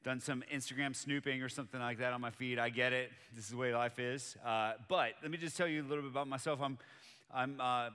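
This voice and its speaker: A man's voice: medium pitch, steady tone, fast talker, pushed and bright, clear, resonant tone. A man from Colombia whose first language is Spanish, preaching a sermon as pastor in a conversational, personal way before a church audience. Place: church auditorium with live audience. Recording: long hall reverb.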